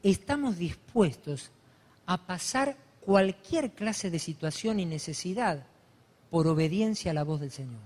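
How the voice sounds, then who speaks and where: A man preaching a sermon, building to loud, fervent emphasis. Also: high-pitched, lively intonation, unhurried. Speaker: pastor. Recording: long hall reverb.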